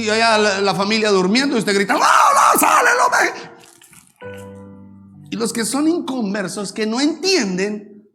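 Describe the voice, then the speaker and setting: A man preaching a sermon as pastor, animated, sometimes acting out shouted prayers. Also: high voice.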